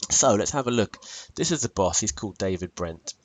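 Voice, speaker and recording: A British man teaching poetry in a tutorial video, asking questions and telling students to pause and think. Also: fairly low pitch, animated, a little hiss or hum. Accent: British English. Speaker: English teacher.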